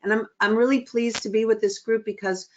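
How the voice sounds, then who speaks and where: A middle-aged woman speaking as a webinar guest, earnest and measured, with frequent ums. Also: fairly high pitch, steady tone, a little hiss or hum. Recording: muffled lo-fi webinar audio.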